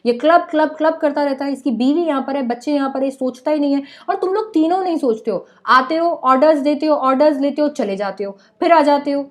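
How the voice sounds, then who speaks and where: A woman's voice: high-pitched, brisk, hardly any pauses, voice pushed up, close to an everyday voice. A woman voicing a blunt, scornful middle-aged mother who scolds her family sarcastically.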